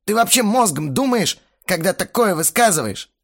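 A man voicing a brash young male bandmate who snaps and yells at the others. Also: high-pitched, expressive, moderate pace, creaky, voice pushed up, heavily acted. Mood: snapping. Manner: snapping, yelling.

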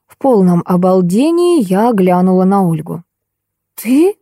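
A woman narrating a first-person audiobook in a lively, ironic storytelling way. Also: mid-range voice, moderate pace, no echo, clean studio sound.

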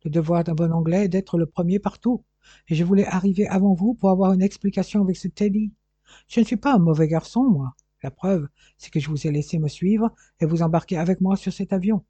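Audiobook: brash English detective, boastful and loud, read by a man, husky dark tone. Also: high voice, fairly quick, no echo, lo-fi sound, pitched above the performer's own voice.

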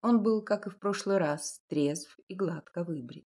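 A woman reading a historical romance novel aloud in measured scripted narration. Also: fairly low pitch, warm tone. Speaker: audiobook narrator.

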